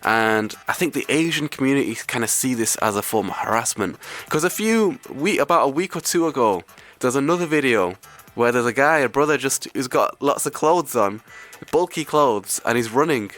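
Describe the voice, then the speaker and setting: A man hosting community radio with a croaky, ill-sounding voice, talking casually and hesitantly off the cuff. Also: medium pitch, lively intonation, moderate pace, fairly bright tone, faint music behind. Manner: hesitant, conversational, rambling. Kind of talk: casual radio talk, unscripted.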